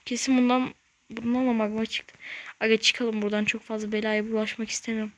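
A woman hosting a gaming channel, giving casual let's-play commentary in short, excitable bursts with slangy exclamations and mild curses. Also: a little high, a little fast. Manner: talks to self while playing, short bursts.

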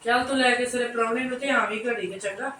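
A woman's voice: a little high, sharp tone. A woman playing a nagging older mother-in-law in a comic family skit, with a Punjabi accent, who grumbles and scolds. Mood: complaining. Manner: grumbling, complaining, quick to scold. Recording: roomy, distant, noisy home recording.

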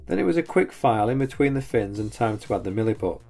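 Hosting a woodworking channel, this forties-aged man has a lowish, gravelly voice that's a little mellow, very animated and fast. His scripted voice-over is plain and matter-of-fact, openly self-critical about his work, with faint music in the background.

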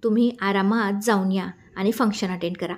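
A woman voicing a gentle young teacher who speaks in a soothing, reassuring way. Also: mid-range voice, steady tone, moderate pace, close to an everyday voice.

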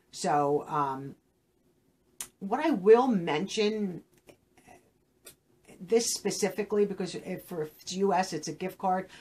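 A woman hosting a beauty unboxing channel, talking straight to camera in a casual, rambling and frank way. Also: low voice. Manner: chatty, rambling, frank with viewers. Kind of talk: casual direct-to-camera chat.

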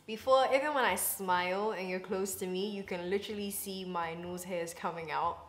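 A woman vlogger from Ghana, in her twenties, talks to her viewers in a casual, affectionate, chatty manner from rooms at home. Her mid-range voice has fairly even intonation at a moderate pace, with echo and a music bed behind it.

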